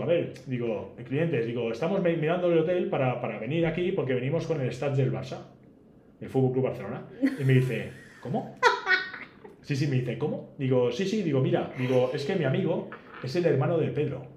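A man, a podcast guest telling a travel story in a casual, animated way and acting out the dialogue. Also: mid-range voice, fast. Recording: roomy echo, faint background noise.

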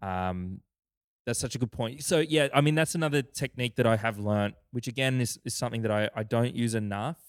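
A man's voice: medium pitch, a little fast. A young adult man co-hosting a podcast, talking casually with many restarts and fillers. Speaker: podcast co-host. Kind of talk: casual chat.

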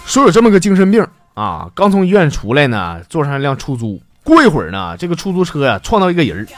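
Guy telling jokes, kinda high voice, super animated, music faint underneath. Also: fast talker. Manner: animated storytelling with laughs. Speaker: comedy host. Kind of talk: casual joke-telling monologue.

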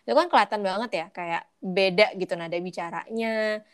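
A woman's voice: medium pitch, fairly quick, clear, resonant tone. A woman co-hosting a podcast in a casual chat, explaining things with examples and slipping English phrases in. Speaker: podcast co-host.

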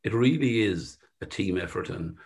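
A middle-aged man with a thick West of Ireland accent, answering interview questions modestly and haltingly, often circling back to rephrase. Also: fairly low pitch, lively intonation, darkish tone, husky. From Sligo, west of Ireland. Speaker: company chief executive being interviewed.

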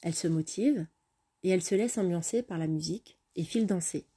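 A woman narrating a story in a steady, plain manner. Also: on the low side, fairly quick, breathy edge.

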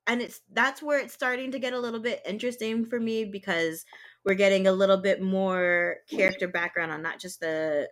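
A woman's voice: medium pitch, fairly even intonation, normal speed, a bit bright. A woman from Georgia co-hosting a podcast, chatting casually and animatedly about TV shows and books, often laughing. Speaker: podcast co-host. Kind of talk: casual chat.

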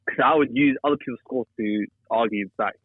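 A young man in casual chat, teasing and firing back quick replies. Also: mid-range voice, husky, no echo. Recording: tinny phone-line sound.

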